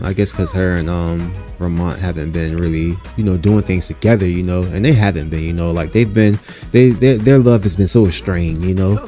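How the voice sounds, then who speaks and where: Man, low voice, mellow tone, casual gameplay chatter, rambling with fillers. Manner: rambling, many fillers and "you know"; talks to the viewers as "you guys". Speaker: gaming channel host.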